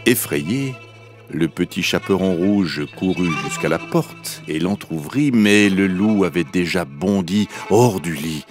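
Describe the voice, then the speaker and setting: A man reading a fairy tale aloud for children, in a gentle, unhurried, expressive storytelling manner. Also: low voice, music in the background.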